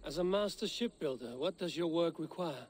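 A Viking warrior, as a man plays him, questions his allies in a direct, probing way. His voice sits a bit high for a man. A faint hiss sits under the game dialogue. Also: animated, normal speed, natural voice. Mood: curious. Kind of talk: video game voice acting.

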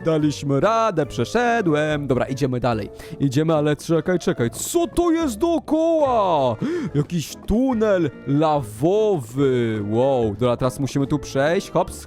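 A young man giving playful, excitable commentary on a Minecraft game to young viewers. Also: medium pitch. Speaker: gaming channel host. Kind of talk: Minecraft let's play commentary.

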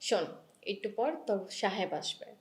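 A woman's voice: medium pitch, normal speed, lightly acted. A woman playing a manipulative younger sister in a short-film drama who gives orders in a bossy, coaxing way. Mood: scheming.

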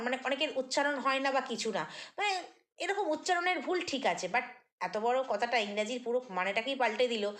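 A woman's voice: a little high, a bit bright. A woman vlogger talking through a casual commentary monologue, chatty and critical, with many fillers and restarts.

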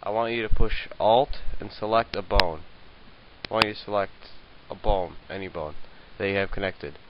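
A young man giving a casual screen-recorded software tutorial, rambling and hesitant with many fillers, talking into a handheld mic at his home computer. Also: lowish voice, moderate pace, lo-fi sound, heavy background noise. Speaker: tutorial maker.

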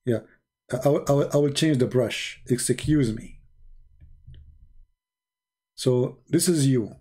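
Sarcastic man with a mellow voice. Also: mid-range voice, slow pace, slightly rough. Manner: sarcastic, mock-naive questioning; broken, non-native English grammar. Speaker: online commentator. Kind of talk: mocking monologue.

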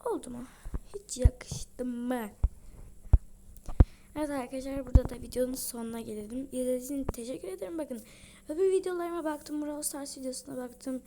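A woman's voice: high-pitched, fast talker. A woman casually commenting as she plays a game, talking to her viewers and often dropping into whispered asides. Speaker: gaming channel host. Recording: loud background hiss with clicks.

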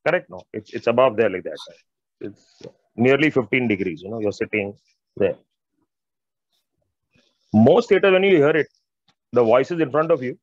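On a video call, a middle-aged audio expert with an Indian accent explains technical material at a moderate pace, his mid-range, darkish voice lively in intonation and broken by long pauses. He's informal and emphatic, repeating phrases and speaking directly to listeners. Wired earphones deliver dry, dull, band-limited audio.

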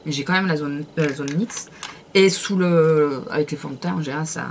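A woman vlogger chatting through a casual beauty product review in a lowish voice. She talks in a hesitant, rambling way, full of fillers and little self-corrections. A faint hiss sits under her voice. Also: a little fast.

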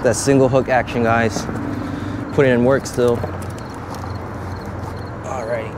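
A man's voice: mid-range voice, level tone, measured pace. A young man vlogging while fishing from an outdoor pier, chatty and upbeat, recorded on a head-mounted action camera. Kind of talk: casual vlog narration. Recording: outdoor camera audio with clear noise.

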